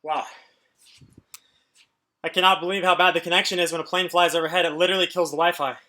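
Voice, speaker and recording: A man's voice: on the high side, little pitch movement, quick pace, sharp tone. A man coaching a home workout on a casual livestream, chatting informally with viewers and giving instructions. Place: indoors at home.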